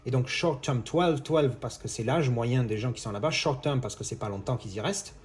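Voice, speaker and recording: A man's voice: mid-range voice, moderate pace. A man talking casually in a vlog monologue, rambling with many restarts and exasperated asides. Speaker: video creator.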